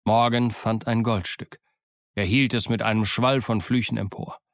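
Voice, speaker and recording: Calm male audiobook narrator, dry sound. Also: lowish voice, normal speed, no room sound. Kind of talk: scripted first-person narration.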